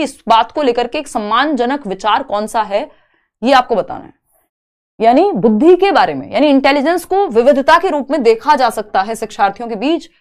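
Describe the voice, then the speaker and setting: A young woman teaches an exam prep class online, walking through questions step by step and answering her own questions. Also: high voice. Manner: explains questions step by step, asks and answers herself. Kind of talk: online lecture.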